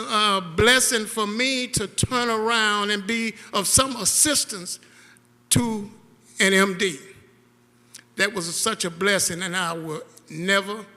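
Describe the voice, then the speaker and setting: Man, high bright voice, emotional, halting, church hall reverb. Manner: emotional, halting, laughing through tears. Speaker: caregiver giving a eulogy. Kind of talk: heartfelt memorial speech.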